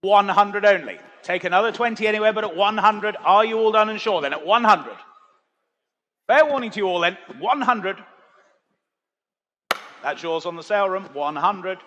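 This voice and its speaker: A man's voice: high voice, moderate pace, long pauses, bright, forceful tone. A man working as an auctioneer, calling bids in a repetitive chant. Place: large auction sale room. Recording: long echoing hall reverb.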